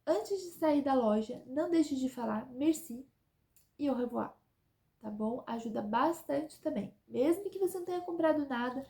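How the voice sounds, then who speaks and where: A vlogger living abroad gives her viewers chatty advice in a casual video, constantly checking in with "tá?" and "né?". Her voice sits high and mellow, with lively intonation at a moderate pace.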